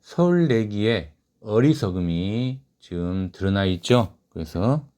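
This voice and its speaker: In a classroom lecture on a short story, a male literature teacher speaks slowly in a lowish, warm, expressive voice. He puts questions to the class, answers them on his own, and lifts his voice when reading quoted lines.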